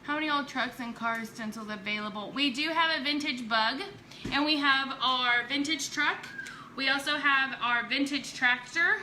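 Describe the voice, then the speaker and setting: A woman's voice: high voice, normal speed, sharp tone, a little hiss or hum. A woman hosting a casual craft live stream at home, chatting with viewers and joking and laughing a lot. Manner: joking, teasing, laughs often. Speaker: live-stream host demonstrating chalk crafts.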